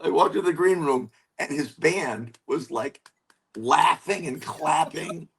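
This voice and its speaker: A man telling a comedy story in a casual interview, animated and swearing as he acts out his own lines. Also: fairly high pitch, slow pace, creaky, slightly rough. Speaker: comedian guest.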